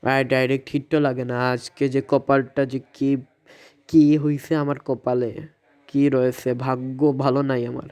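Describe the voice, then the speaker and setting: A man with a Bangladeshi Bengali accent, hoarse from coughing, rambling and mocking himself in an unscripted gameplay voice-over. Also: medium pitch, little pitch movement, measured pace, darkish tone. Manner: rambling, self-mocking, groans at near misses. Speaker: gaming video creator.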